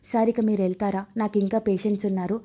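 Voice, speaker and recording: A woman's voice: mid-range voice, flat delivery, quick pace, warm tone, lightly acted. A woman voicing a composed young woman doctor who speaks firmly but politely in a storybook romance. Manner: firm, polite.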